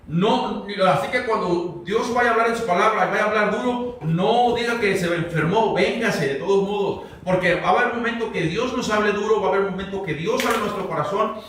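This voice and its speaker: A man's voice: high voice, brisk, hardly any pauses, fairly bright tone. A pastor teaching a verse-by-verse Bible sermon, talking conversationally and quizzing his congregation. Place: church sanctuary. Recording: very echoey hall, mic far off.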